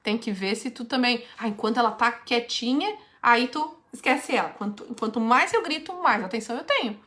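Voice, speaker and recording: A woman's voice: a little high, lively intonation, moderate pace, a bit bright. Direct woman mentoring. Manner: direct, coaching, reads participants' questions aloud and answers. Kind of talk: live online mentoring session.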